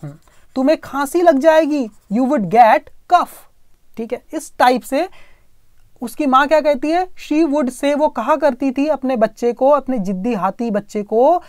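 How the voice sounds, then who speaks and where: A woman's voice: sits high, a little slow, darkish tone, no echo, studio quality. A woman teaching English through Hindi. She goes through a story line by line, patiently repeating and spelling out words.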